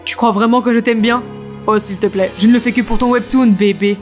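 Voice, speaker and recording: Lady doing a cocky young guy, smug and mocking, voice sits kinda high, faint music behind. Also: steady tone, brisk, darkish tone, lightly acted. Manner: mocking, condescending. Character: smug arrogant young man, cheating boyfriend. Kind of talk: animated story dub.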